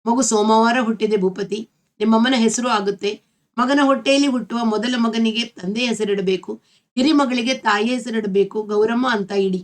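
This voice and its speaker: A woman's voice: on the high side, fairly even intonation, normal speed, natural voice. A woman reading the part of an old woman, a stern traditional mother who speaks bluntly. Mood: instructing. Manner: scolding, blunt.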